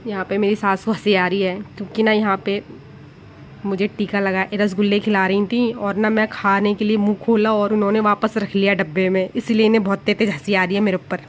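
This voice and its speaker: A chatty woman in her thirties talks through her old wedding photos in a homely, amused way. Her voice sits at an ordinary middle pitch. A faint hum of background noise runs under the talk. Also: little pitch movement, a little fast. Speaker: vlogger. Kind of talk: casual chat narrating wedding photos.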